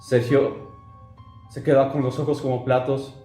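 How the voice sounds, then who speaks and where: A man's voice: mid-range voice, little pitch movement, unhurried. A young man telling a horror story in a casual, conversational way, with fillers and asides. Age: young adult. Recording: roomy echo, soft music behind.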